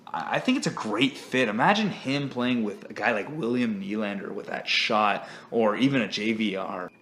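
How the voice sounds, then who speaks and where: A man appearing as a guest on a sports podcast, talking in an animated, opinionated way and laughing as he goes. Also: fairly low pitch, normal speed. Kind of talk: casual sports chat.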